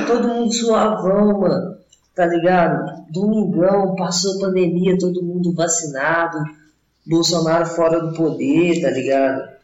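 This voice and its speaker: A young Brazilian man with a slightly high-set voice rambles casually like a stoner. His talk is slangy and meandering. The recording is roomy and a little dull. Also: steady tone, measured pace, darkish tone.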